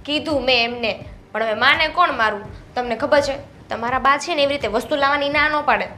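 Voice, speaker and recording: A woman's voice: high voice, bright, forceful tone, faint music behind. An actress playing a young wife who complains to her husband about his mother. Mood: complaining. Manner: fast, complaining.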